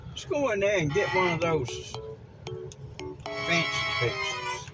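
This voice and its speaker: A man's voice: on the high side, sing-song, slow. A man chatting and joking in a car, laughing often. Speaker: vlogger. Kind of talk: casual chat while driving. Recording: loud music over the talk.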